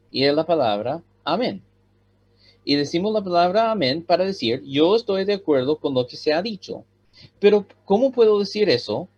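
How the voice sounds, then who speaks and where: Gringo-accented pastor guy preaching, slightly high voice, pauses a lot, muffled lo-fi audio. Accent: American. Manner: pauses with many "ah" fillers, calm teaching tone. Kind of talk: sermon. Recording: dull lo-fi sound.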